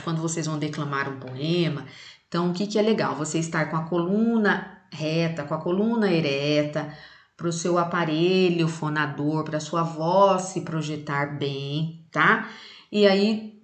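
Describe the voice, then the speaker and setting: Brazilian lady teacher, kinda low voice, reads a poem then explains stuff, roomy echo. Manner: explanatory, addresses class as "gente", frequent "né" and "tá". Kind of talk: lesson with poem reading aloud.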